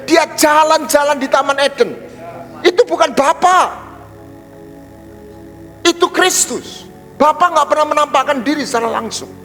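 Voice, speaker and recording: A male pastor with an East Javanese Indonesian accent preaching a sermon, swinging from low asides to loud, high exclamations. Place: large church hall. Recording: live church sound with long hall reverb.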